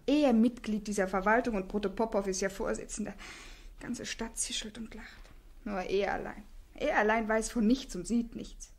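A woman's voice: medium pitch, fairly quick, close to an everyday voice. An actress playing a tearful, despairing young woman of twenty-four in a 1960s radio drama, often whispering. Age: 20s.

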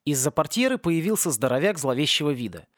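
A man narrates a satirical fantasy audiobook with lively, wry timing. His voice sits slightly high. The close mic gives a dry sound with no room echo. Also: fast. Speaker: audiobook reader.

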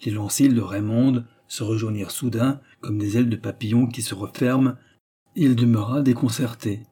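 A male audiobook narrator reading a classic novel in a measured, even way. His voice is mellow and dark, with a husky, slightly breathy edge, at a middle pitch.

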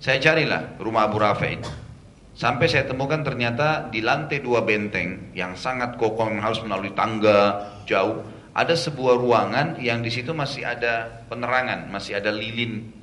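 A man preaching a storytelling religious lecture, animatedly retelling events, acting out the characters' lines and dropping casual asides. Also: pushed and bright. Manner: casual asides with conversational fillers. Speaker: Islamic preacher. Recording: roomy echo with faint rumble.

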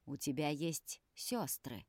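Woman reading a cold, commanding vampire patriarch in an audiobook; low, dry, lecturing. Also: expressive, slow pace, darkish tone, no room sound, heavily acted. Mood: cold stern. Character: stern domineering male vampire elder, cold and harsh.

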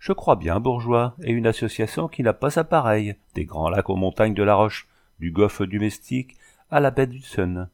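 A man reading an audiobook voices a coarse, boastful backwoods bandit sailor who talks rough and mocking. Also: fairly low pitch, lively intonation, moderate pace, a little mellow. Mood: gruff mocking.

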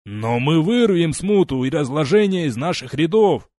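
Stern legate, commanding and forceful; male narrator voices him. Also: mid-range voice, lively intonation, moderate pace, no echo, studio quality, lightly acted. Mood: proclaiming. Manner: imperious, commanding.

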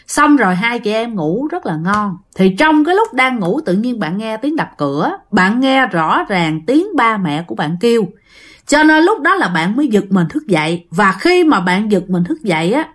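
Southern Vietnamese woman, channel host, relaxed chatty storytelling, lots of fillers, talks to listeners directly, mid-pitched. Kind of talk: casual spoken storytelling.

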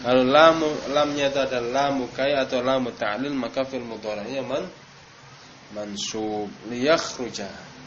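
A man's voice: medium pitch, fairly even intonation, measured pace. Guy teaching arabic grammar to a class, quizzes students, dull hissy recording. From Indonesia. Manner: questioning students, stressing drill words. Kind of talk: classroom lesson.

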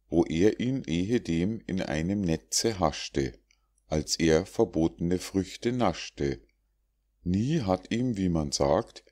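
A man narrating an audiobook of rhymed fables in a deep, low voice. He reads slowly and deliberately, giving the verses a measured, declamatory cadence. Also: a little mellow.

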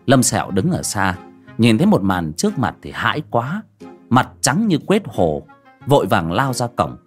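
A man narrating an audiobook story in a vivid, expressive storytelling manner. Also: mid-range voice, normal speed, soft background music.

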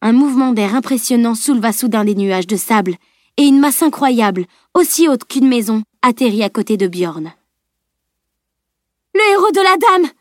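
A woman reading a fantasy novel aloud as an audiobook narrator, steady and expressive. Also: fairly high pitch, normal speed, no echo, clean studio sound.

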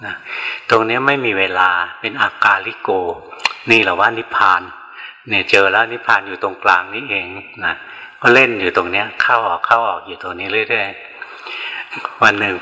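A man's voice: fairly low pitch, bright, forceful tone, big-room sound, low-quality recording. An older male Buddhist monk giving a dharma talk, telling stories plainly and answering questions from the audience. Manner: plain storytelling, frequent "na" tag.

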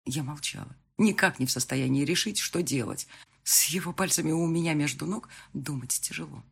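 Husky-voiced woman narrating expressively. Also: moderate pace. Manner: expressive, jumps to high shouted lines in dialogue. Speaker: audiobook narrator. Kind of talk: first-person romance audiobook narration.

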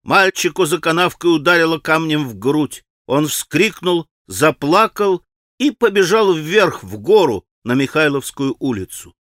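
A man narrating a classic novel as an audiobook, with expressive, measured storytelling. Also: a little high, no echo. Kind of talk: scripted narration. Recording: dry studio recording.

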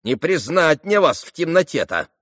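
A man's voice: a little high, big pitch swings, normal speed, a bit bright, dry recording, clean studio sound, voice pushed up. A man voicing an old female servant who talks in a fussy, deferential way. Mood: fussy chatter.

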